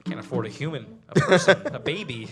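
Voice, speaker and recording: A woman's voice: a bass voice, expressive, fairly quick, over loud music. A woman hosting a live comedy show on a small stage, bantering with her guests in a chatty, apologetic way. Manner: chatty, apologetic, laughing asides.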